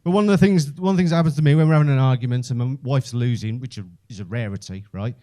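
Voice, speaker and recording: A man's voice: mid-range voice, rapid-fire, dark tone. A man with a Birmingham Brummie accent telling stand-up stories in a conversational, self-deprecating, sweary way. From Birmingham, England. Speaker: stand-up comedian. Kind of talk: stand-up comedy storytelling.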